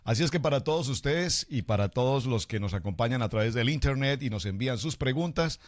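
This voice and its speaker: Formal pastor hosting a radio show. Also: male voice, mid-range voice, lively intonation. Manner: formal, warm greeting style, slow deliberate questions.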